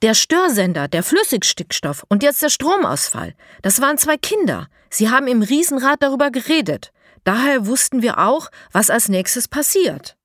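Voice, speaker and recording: A woman voicing an excited young boy who talks breathlessly, in a storybook reading. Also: mid-range voice, slightly rough, dry recording, studio quality. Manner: fast breathless excited talk.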